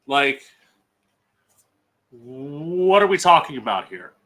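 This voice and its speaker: A man's voice: fairly high pitch, sing-song, takes it slowly, a bit bright. An American man hosting as a drag queen, giving blunt, emphatic opinionated commentary with frequent swearing. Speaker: drag queen podcast host.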